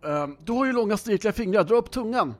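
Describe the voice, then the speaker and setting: Male player; high, gravelly and very animated, excitable, swears freely. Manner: excitable, swears, stammers in panic. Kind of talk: casual tabletop play.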